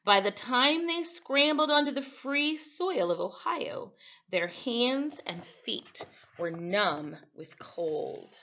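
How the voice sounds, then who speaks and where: An American teacher, her voice fairly high, animated, pushed, and bright, takes her time reading a storybook to her students. She explains things informally and often corrects herself. The recording, made on a computer microphone, has dull audio.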